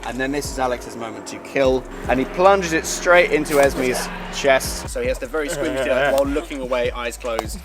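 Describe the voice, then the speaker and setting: A man's voice: medium pitch, brisk, few pauses. Upbeat British man coaching a fight. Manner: energetic, with playful sound effects. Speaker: fight choreographer. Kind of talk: casual instruction. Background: background music.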